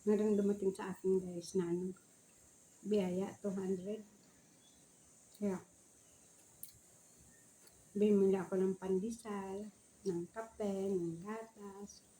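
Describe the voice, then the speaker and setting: A noisy recording with roosters behind a Filipino woman vlogger. She talks at a medium pitch with the speech of someone missing front teeth. She chats casually to her viewers between bites of food. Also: fairly even intonation, slow pace, long pauses, warm tone. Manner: talks while eating, savouring with small hums. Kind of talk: casual mukbang chat to viewers.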